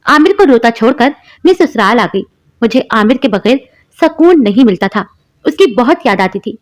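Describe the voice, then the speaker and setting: A young woman narrating a first-person story in a steady, emotional storytelling manner. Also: a little high, moderate pace. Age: young adult.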